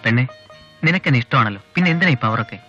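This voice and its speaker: An insistent, quick-talking young suitor. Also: male voice, mid-range voice, expressive, bright, forceful tone, soft background music. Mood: coaxing. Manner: coaxing, insistent. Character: persistent, teasing young man courting a girl. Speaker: young man, the son. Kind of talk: film dialogue. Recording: dull lo-fi film audio.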